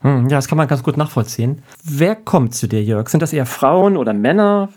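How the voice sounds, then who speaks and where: A man's voice: mid-range voice, lively intonation, a little fast, a little mellow. A man hosting his own podcast, introducing his guest and asking short, friendly questions. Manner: friendly, asks short questions, frequent affirming murmurs. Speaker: podcast host. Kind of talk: podcast interview.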